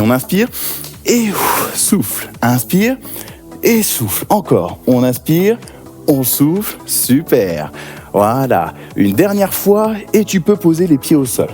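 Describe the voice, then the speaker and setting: An energetic male fitness coach calls out punches and counts with lively swings in pitch. His tone is dark and mellow, and faint music plays behind him. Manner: energetic, encouraging counting and cues. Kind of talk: guided workout class.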